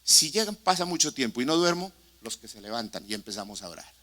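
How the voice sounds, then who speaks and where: A man's voice: medium pitch, sing-song, quick pace, bright, forceful tone. A male pastor preaching a sermon in a church sanctuary, impassioned and putting questions straight to the congregation.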